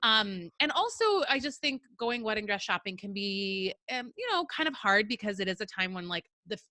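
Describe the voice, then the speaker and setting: Chatty woman podcast host, bright voice, acts out quotes as she tells a story, dry mic. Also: mid-range voice, animated, a little fast, no echo. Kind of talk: casual chat.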